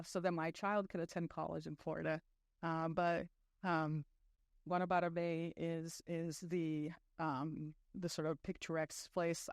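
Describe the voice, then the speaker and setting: A middle-aged Brazilian woman gives a chatty conference talk full of fillers and self-deprecating asides. Her voice is lowish and clean, recorded in a clean studio with no echo.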